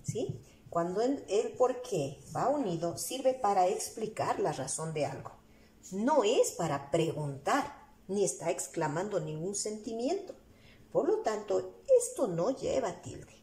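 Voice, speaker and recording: A woman teacher with an Ecuadorian Spanish accent explains a lesson slowly, step by step, asking her students rhetorical questions as she writes on the board. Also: medium pitch, big pitch swings, dark tone. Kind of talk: recorded class lesson. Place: room with a whiteboard. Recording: echoey room.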